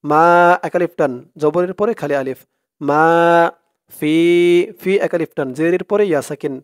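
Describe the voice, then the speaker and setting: A man teaching Quran reading in a slow step-by-step lesson, breaking words into syllables and then chanting them drawn out and louder. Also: on the high side.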